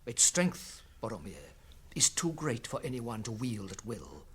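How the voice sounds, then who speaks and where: In a radio fantasy drama, a British-accented actor plays a solemn, wise ancient elf lord, delivering formal, weighty oratory in a stern, sorrowful mood. His medium-pitched, husky male voice is very animated, exaggerated and a little slow.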